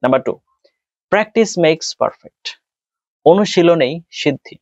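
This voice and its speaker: A man's voice: fairly high pitch, lively intonation, slow, no room sound. A man with a Bangladeshi accent, an exam tutor explaining tips step by step and mixing in English terms. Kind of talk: spoken tutorial. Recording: dull, dry sound.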